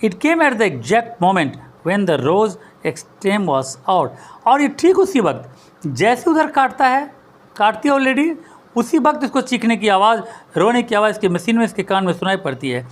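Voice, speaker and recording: Male tutor explaining a story, lively pitch, slow on the quoted lines. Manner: reads English lines slowly, then explains in Hindi. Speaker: teacher. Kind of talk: line-by-line story explanation lesson.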